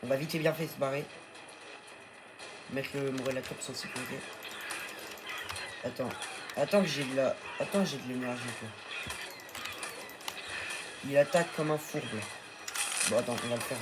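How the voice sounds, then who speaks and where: A man of middling pitch talks his way through a survival game, coaxing and cheering on his tamed animals in a loose, chatty let's-play manner. A steady hiss of noise and game ambience sits under his voice. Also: moderate pace, pauses often. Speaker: gaming video host. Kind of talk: casual let's-play commentary.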